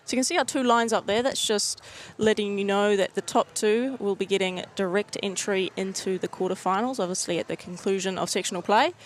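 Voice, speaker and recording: A woman's voice: mid-range voice, steady tone, a little fast, hardly any pauses. A woman with a New Zealand accent doing upbeat, chatty live commentary on a sports broadcast.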